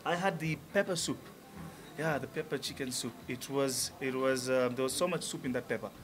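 A man's voice: mid-range voice, fairly quick, background noise. A man in his thirties from Tanzania, a musician being interviewed, talking casually and enthusiastically with many fillers in a restaurant lounge. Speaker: musician guest. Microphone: table mic on stand.

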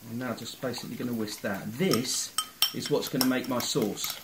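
Recorded from across the room on a phone camera, a middle-aged man demonstrates a recipe step by step in his home kitchen, speaking at medium pitch and normal speed. A sizzling pan and boiling water make the background noisy, and the audio has a roomy, faraway kitchen sound.

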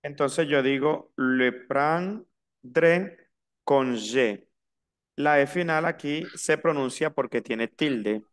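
A man teaching a French lesson in Spanish, slowly spelling out and repeating each word. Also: on the high side, smooth. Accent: Latin American Spanish. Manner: slow, spelled-out pronunciation drills. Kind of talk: online language lesson.

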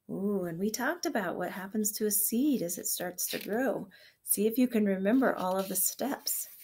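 A woman kindergarten teacher reading a picture book aloud to her class, gentle and expressive, sometimes dropping to a soft whisper. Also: medium pitch, a little hiss or hum. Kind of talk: storybook read-aloud for children.

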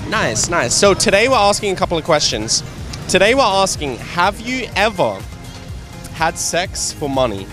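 A young man hosting a casual street interview with a handheld mic, upbeat and teasing, firing quick follow-up questions on a busy city street. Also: high-pitched, big pitch swings, a bit bright, faint music behind.

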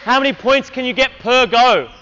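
A man's voice: very high-pitched, moderate pace, sharp tone, dull audio. A man coaching a basketball clinic on an indoor court, energetically calling out drills and counting down for players.

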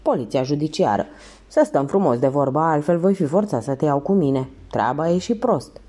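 A woman's voice: sits low, lively intonation, dark tone. A woman voicing a blunt male police inspector who asks short, probing questions. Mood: stern.

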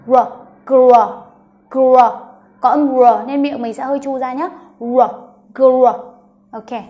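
A woman with a Vietnamese accent leads a careful pronunciation lesson, her voice pitched high. She goes sound by sound at an unhurried pace, repeating each word until it sticks. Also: dark tone. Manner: spells out sounds one by one, then repeats words and sentences slowly. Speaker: English pronunciation teacher. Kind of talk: slow step-by-step pronunciation lesson.

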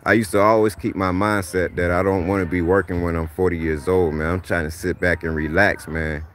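Here the same kind of speaker, a man in his thirties hosting a livestream from a backyard driveway, talks fairly quickly in a low, level, fairly bright voice. He rambles in a relaxed, preachy way, repeating "man" often while offering motivational advice, with slight background noise present.

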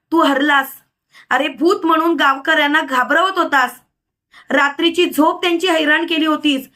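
A woman's voice: high voice, bright, forceful tone. A woman voicing a stern, determined male village holy man in a retold story, scolding and commanding.

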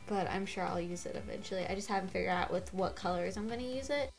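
A woman's voice: mid-range voice, fast, vocal fry, soft background music. A congested woman with a cold giving a chatty makeup tutorial, gushing and getting out of breath. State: gets out of breath. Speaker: beauty vlogger.

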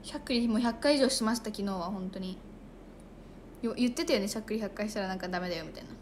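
A woman's voice: mid-range voice, very fast, a little hiss or hum. A young woman chatting casually on a livestream, reading viewer comments aloud. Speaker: idol livestreamer.

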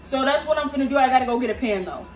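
With a high, animated voice and rapid-fire delivery, a young American woman hosts a home cooking vlog, chatting playfully in slang to viewers. She's in a small indoor kitchen, recorded by a phone or camera propped at a distance, with noisy ambience and faint music behind her.

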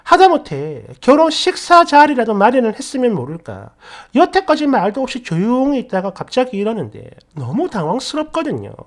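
A woman narrator reading online posts and comments aloud in a lively, mocking manner. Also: on the high side, moderate pace, hardly any pauses. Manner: lively, mocking, laughs at the stories. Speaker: story channel narrator.

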